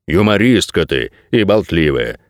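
Brief: male reader voicing a stern talking dog, low and terse. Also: animated, normal speed, no room sound. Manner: clipped, low and dry.

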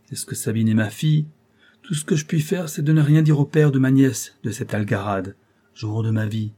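A man voicing an old aristocratic woman in a storybook reading, brusque yet soft-hearted, talking in gruff exclamations. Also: medium pitch, natural voice.

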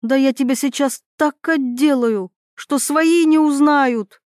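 A woman's voice: sits high, unhurried, darkish tone, dry recording, clean studio sound, pitched above the performer's own voice. A woman voicing a hysterical, jealous young woman who screams insults in a storybook reading. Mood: shrieking furious.

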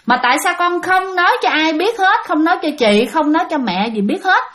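A woman's voice: very high-pitched, expressive, fairly quick, voice pushed up. A woman voicing a stern middle-aged mother scolding her son. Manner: sharp, scolding.

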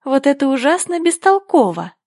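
A woman's voice: sits high, big pitch swings, moderate pace, darkish tone, no room sound, studio quality, pitched above the performer's own voice. A woman voicing a polite, confused little girl who grows flustered as she talks.

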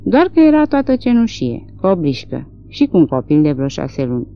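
A chatty village man passes along gossip, as a woman reading the book voices him. Her voice is low and lively in pitch. The sound is dull and lo-fi. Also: dry recording. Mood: gossipy. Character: gossiping rural man, Tăl.

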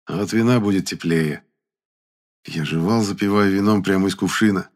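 A man narrating an audiobook in the first person with an even storytelling delivery. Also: low voice, moderate pace.

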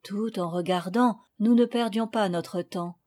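A woman reading a children's novel aloud, with calm, measured storytelling that rises in dramatic moments. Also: mid-range voice. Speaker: audiobook reader. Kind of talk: scripted narration.

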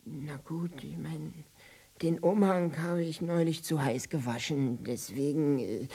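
Jittery clumsy superhero type in a kids radio play, husky, stammers, frets about everything. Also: female voice, deep voice, unhurried, mellow, full character voice. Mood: flustered. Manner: stammering, fretful. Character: nervous bumbling costumed hero, asthmatic, fussy. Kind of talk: children's radio drama acting.

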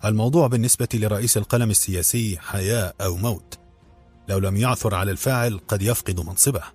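A man voicing a calm, courteous male leader of a secret group in an audiobook, husky and low, over faint music. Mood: calm, measured. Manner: measured, courteous, gently commanding.

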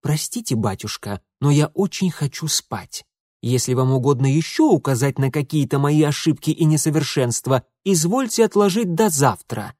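A man voicing a proud, touchy young nobleman who is quick to anger, talking in a cold, biting way. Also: a little high, lively intonation, a little mellow, no echo, studio quality.

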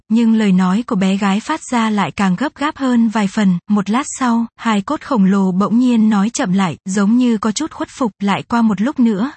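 A woman narrating a fantasy novel in a steady, even reading style. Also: medium pitch, slightly rough, no room sound. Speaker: audiobook narrator.

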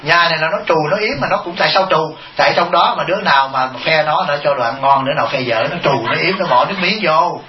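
A male monk teacher preaches in a high, bright voice, joking with his listeners and throwing them rhetorical questions. The sound is roomy and a little muffled, as if recorded in a reverberant temple hall. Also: fast, hardly any pauses, background noise. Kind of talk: humorous dharma talk.

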